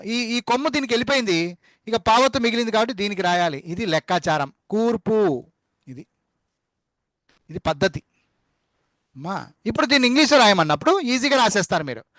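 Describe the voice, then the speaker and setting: A male teacher giving an online class lesson, repeating syllables slowly to drill spelling and fondly calling his students amma and nanna. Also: high voice, fairly bright tone, no room sound. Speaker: spoken English teacher.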